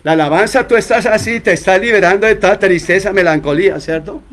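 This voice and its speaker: A man's voice: high voice, quick pace. A man preaching a sermon as pastor, asking the congregation rhetorical questions and acting out short quoted exchanges between church members.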